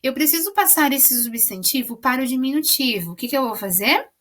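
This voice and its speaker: A woman teacher explains spelling rules to children in a patient, clear way. Her voice sits a little high, and she slows down to spell out the example words. She keeps checking that the class is following along. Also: lively intonation, fairly bright tone. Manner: patient, explaining, checks understanding with tag questions.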